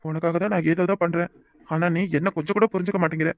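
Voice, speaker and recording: A woman voicing a village husband in a cartoon, with a Kanyakumari Tamil accent and a quick, blunt manner. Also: on the low side, steady tone, dry recording, natural voice.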